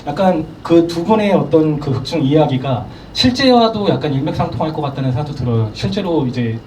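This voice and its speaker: A man's voice: a little high, very animated, a little fast, a little mellow, slight background noise. A man moderating a film Q&A, asking long, roundabout questions with many hedges. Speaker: moderator of a screening Q&A. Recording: distant mic in a roomy theater.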